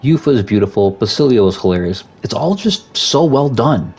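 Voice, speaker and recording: A man's voice: medium pitch, expressive, moderate pace, a little mellow, husky. A father co-hosting a scripted video game review with his son, speaking enthusiastically.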